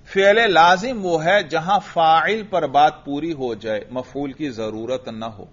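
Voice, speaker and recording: A man teaching an Arabic grammar lesson in Urdu, quizzing his students and slowly reciting example sentences. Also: on the high side, fairly bright tone. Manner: drills students with questions, slow emphatic recitation of examples. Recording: dull lo-fi recording.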